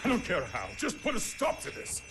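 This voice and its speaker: A man's voice: sits high, wildly swooping pitch, fairly quick, over music, exaggerated voice. An actor playing a blunt, commanding king in a video game, authoritative and emphatic. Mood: alarmed. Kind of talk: video game cutscene acting.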